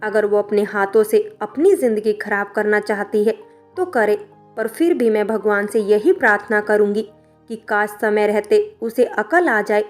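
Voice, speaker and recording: A woman's voice: medium pitch, normal speed, faint music behind, close to an everyday voice. A woman voicing a middle-aged mother who scolds her daughter firmly and reproachfully. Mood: remorseful. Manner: firm, reproachful.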